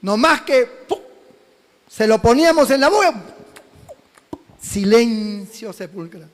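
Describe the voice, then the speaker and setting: A man's voice: extremely high pitch, expressive, takes it slowly, big-room sound. A man from Peru, a pastor preaching a sermon fervently, telling homely stories and calling out to the congregation.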